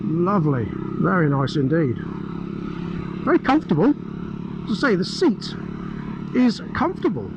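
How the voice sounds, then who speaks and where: A man's voice: sits high, wildly swooping pitch, normal speed, long pauses. A British man reviewing a motorbike as he rides, speaking through a helmet mic in chatty, enthusiastic running remarks. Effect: speaking through a helmet mic while riding. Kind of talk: riding commentary. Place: on a motorbike on open roads. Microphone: helmet-mounted mic. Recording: helmet mic with engine and wind noise. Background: engine and wind noise.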